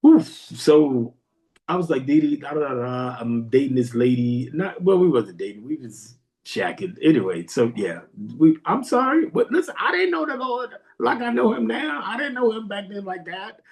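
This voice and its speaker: A man hosting a podcast tells a story in a casual, animated monologue. His voice sits a little high for a man and swings widely, leaping up when he quotes himself. He keeps looping back over the same phrases. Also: moderate pace, vocal fry. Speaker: podcast host.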